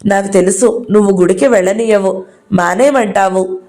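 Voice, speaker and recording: A woman's voice: medium pitch, normal speed, mellow, natural voice. Sulky young boy in an audio novel, petulant and whiny; voiced by a woman reader. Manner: petulant, whining complaints.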